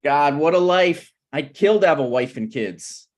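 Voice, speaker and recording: During a naturalistic comedy table read, a man voices an unshaved, down-on-his-luck 37-year-old friend who comes across glum and evasive. His voice is fairly high and expressive, with a slightly slow delivery.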